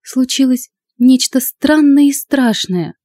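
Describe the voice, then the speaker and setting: A woman reading an audiobook voices a small, excitable young woman who pleads urgently and near tears, speaking higher and louder. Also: normal speed, no room sound, clean studio sound. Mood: anxious.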